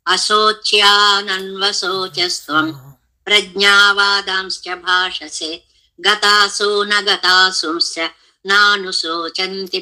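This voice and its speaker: A woman's voice: on the low side, bright, forceful tone, rough recording. A middle-aged woman giving a devotional scripture discourse, explaining the text and chanting Sanskrit verses. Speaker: religious teacher.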